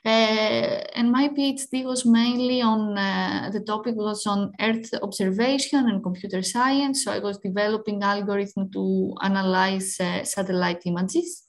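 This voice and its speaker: A woman's voice: mid-range voice, steady tone, a little slow, few pauses. Greek-accented woman giving an academic talk. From Greece. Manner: careful, searching for words. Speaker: guest lecturer.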